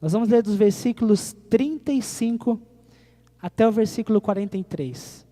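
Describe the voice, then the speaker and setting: Man, high voice, preacher, lively questions to the congregation, echoey church hall. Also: moderate pace. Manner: animated preaching, rising and falling, rhetorical questions to the congregation. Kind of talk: sermon.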